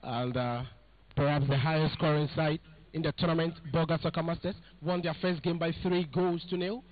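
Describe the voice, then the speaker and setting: A man calls a live football match, speaking in a raised voice and addressing his listeners as "ladies and gentlemen". The sound is thin and narrow, like a phone line. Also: a little high, fairly even intonation, moderate pace, a little hiss or hum. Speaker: football commentator.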